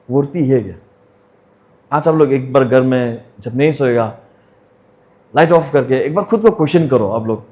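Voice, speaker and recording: A man's voice: on the high side, darkish tone. Young man giving a church testimony. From Arunachal Pradesh, India. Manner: storytelling, mixes English phrases, asks the audience questions. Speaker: testimony speaker at church fellowship. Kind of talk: personal testimony to a congregation.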